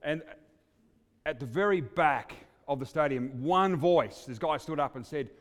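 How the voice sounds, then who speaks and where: A man's voice: fairly high pitch, lively intonation, measured pace. A man preaching at a church service, chatty and hesitant with many fillers, his voice ringing with a long church reverb like a cathedral. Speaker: guest preacher. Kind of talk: sermon with storytelling.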